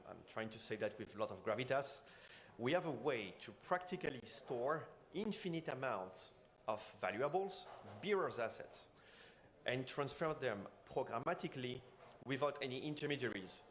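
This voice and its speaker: A man's voice: mid-range voice, a little hiss or hum. Man giving an earnest keynote. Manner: earnest, with frequent fillers and restarts. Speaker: conference speaker. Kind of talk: keynote talk. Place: conference stage.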